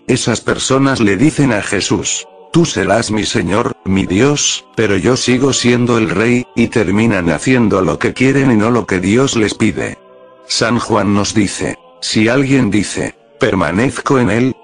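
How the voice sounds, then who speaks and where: A man delivering an earnest sermon reflection, emphatic, sometimes acting out the words he quotes. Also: lowish voice. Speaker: preacher.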